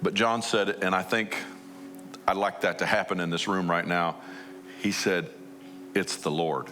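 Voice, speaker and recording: A man's voice: deep voice, steady tone, moderate pace, sharp tone, soft background music. A man preaching a conversational sermon as a pastor, asking his listeners many questions.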